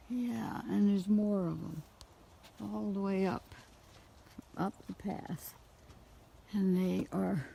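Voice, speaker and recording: A woman's voice: medium pitch, creaky, a little mellow, slight background noise, rough recording. A middle-aged woman walking outdoors through her home garden, pointing out flowers with gushing enthusiasm on a camera mic. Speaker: gardener giving a garden tour. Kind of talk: casual walking garden tour.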